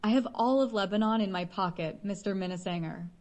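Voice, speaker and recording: A woman's voice: mid-range voice, a little fast, darkish tone, lightly acted. A woman reading the lines of an obliging male hologram chauffeur, deferential and apologetic.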